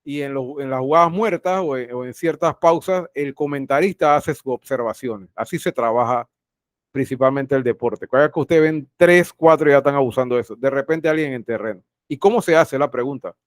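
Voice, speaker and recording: A man's voice: mid-range voice, fairly quick, no echo. Dry-voiced male teacher lecturing online. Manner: repeats phrases, questions students directly. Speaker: university teacher. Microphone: video call.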